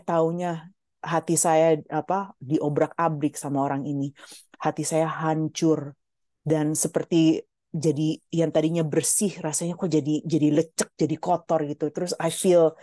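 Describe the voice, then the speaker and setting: A woman's voice: low voice, fairly even intonation, a little slow, dark tone, no room sound, studio quality. Heartfelt woman sharing a faith testimony. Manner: heartfelt, mixes English phrases into Indonesian, often calls out "ladies". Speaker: guest speaker.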